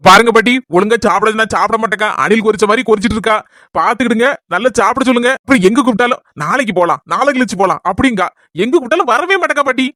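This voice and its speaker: Chatty, teasing young husband with a Kanyakumari accent, rapid-fire delivery, as a woman plays him. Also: a little high, a bit bright, no room sound, studio quality, lightly acted. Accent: Kanyakumari Tamil.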